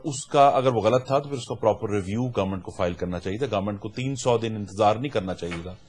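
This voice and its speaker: A man speaking for a political party on a talk show, arguing his case in a measured way. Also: on the low side, a little mellow. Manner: measured, argumentative. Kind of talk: political debate.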